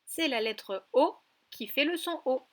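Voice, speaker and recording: Woman, preschool teacher, fairly high voice, slow and carefully articulated, talking straight to a young child. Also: expressive. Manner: slow and clearly articulated, addressing a child directly. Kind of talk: recorded lesson for young children.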